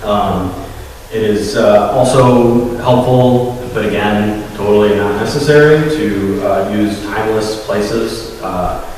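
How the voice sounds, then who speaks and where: A man with a fairly low voice gives a storytelling talk, pausing often on fillers and restarts. He sounds a little nervous. He is heard from a distance in a large hall with a long, echoing reverb. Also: darkish tone, slight background noise. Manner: hesitant, many fillers, admits nerves. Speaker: guest speaker at a secular congregation. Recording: echoey hall, voice from far off.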